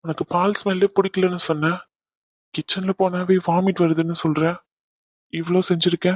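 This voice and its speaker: A woman voices a young husband in an audio drama, his tone low and husky. He speaks gently and pleads with emotion. The recording is close and dry. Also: flat delivery, normal speed, dry recording, natural voice. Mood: gentle. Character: remorseful young husband, soft-spoken. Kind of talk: Tamil audio drama acting.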